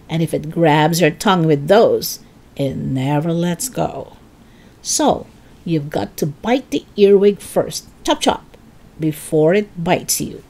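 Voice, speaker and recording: A woman's voice: lowish voice, warm tone, heavily acted. A woman voicing a sinister old grandmother who talks with relish in a throaty, creeping whisper. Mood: gloating.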